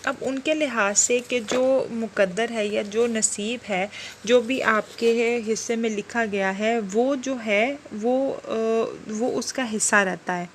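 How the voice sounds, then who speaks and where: A woman teacher lecturing on literary theory, slowly and carefully over English quotes. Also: a little high, steady tone, slight background noise, rough recording. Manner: explains in a mix of Hindi-Urdu and English, slow over English quotes. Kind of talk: lecture explaining a literary text.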